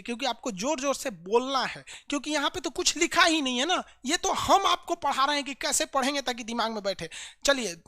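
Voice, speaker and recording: A man's voice: very high-pitched, bright, forceful tone, no echo, clean studio sound. A man teaching an online lesson, chanting place names over and over and joking with students in a folksy way. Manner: chants place names in rapid repetition drills. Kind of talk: energetic recorded lesson.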